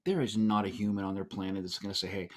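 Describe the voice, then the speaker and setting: A man's voice: sits low, flat delivery, fast talker. A middle-aged man with a Pittsburgh accent, co-hosting a podcast and telling a long self-deprecating story in a rambling, casual way. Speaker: podcast co-host.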